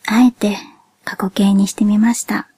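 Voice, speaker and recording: Breathy, whispering woman with a cute anime voice. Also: medium pitch, little pitch movement, no echo. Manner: gentle, polite, measured delivery. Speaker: podcast host. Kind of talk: soft whispered podcast monologue.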